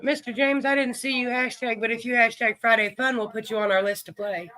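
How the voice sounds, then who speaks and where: Man hosting a live stream, high bright voice, chatty and friendly with viewers. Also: fairly even intonation, brisk. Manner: chatty, greets viewers by name. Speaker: livestream host. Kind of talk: casual livestream chat.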